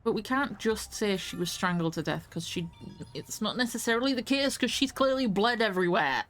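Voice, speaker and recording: A woman's voice: mid-range voice, animated, a little fast, fairly bright tone. A woman streaming a game, chatting casually in a rambling, self-correcting way, with a giggly edge. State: hiccups. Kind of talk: casual gaming commentary.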